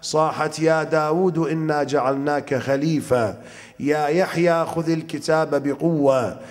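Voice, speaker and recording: Male preacher, slightly high-voiced, unhurried delivery that lingers on key phrases. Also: fairly even intonation, big-room sound. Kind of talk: religious lecture with storytelling and recited verse.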